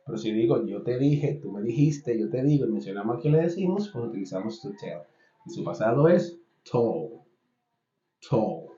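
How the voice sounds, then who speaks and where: A man's voice: mid-range voice, lively intonation, fairly quick, warm tone. A man teaching an English lesson in Spanish, working through a verb list and repeating each English word. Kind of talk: explanatory online lesson. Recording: roomy, dull lo-fi sound.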